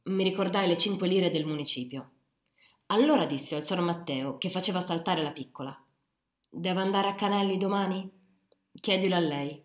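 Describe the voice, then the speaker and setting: Female audiobook narrator, calm and measured, low-pitched, recorded with roomy echo.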